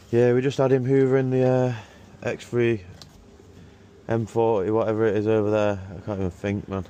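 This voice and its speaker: Working man, casual and matey with slangy speech, giving relaxed instructions over background vehicle noise. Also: mid-range voice. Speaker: car detailer filming and instructing a young helper. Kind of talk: casual chat while working. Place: in and around a vehicle being cleaned.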